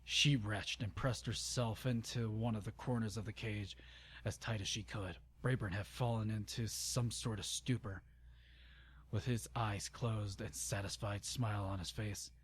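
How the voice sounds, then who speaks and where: A young man giving a dramatic reading of fan fiction, breaking off with groaning, exasperated asides and stumbling over words. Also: mid-range voice.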